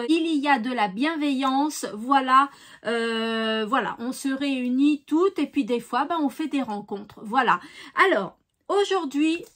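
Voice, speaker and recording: A woman with a high voice and a regional French accent hosts a craft vlog, talking to her followers in a relaxed, chatty style. Cheerful and keen, she sprinkles her speech with fillers and keeps repeating "voilà".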